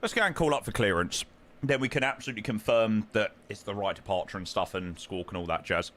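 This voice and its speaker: A man's voice: fairly low pitch, quick pace, a bit bright. A British man chatting casually on a flight simulator livestream, informal and matey in manner.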